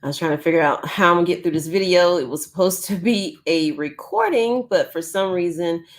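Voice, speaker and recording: A woman with a lowish voice, talking a little fast, hosts a laid-back home livestream of the news for YouTube. Her delivery is chatty and full of ums, and she's losing her voice.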